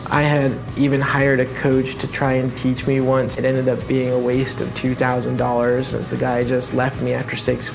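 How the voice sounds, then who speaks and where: A man giving a steady, earnest testimonial about his experience. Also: mid-range voice, gravelly. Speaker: customer testimonial. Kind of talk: calm testimonial.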